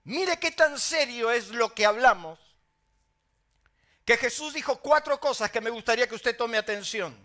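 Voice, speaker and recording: Argentine pastor guy, middle-aged, high ringing voice, animated sermon storytelling. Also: moderate pace. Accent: Argentine Spanish. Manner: animated storytelling with emphatic exclamations.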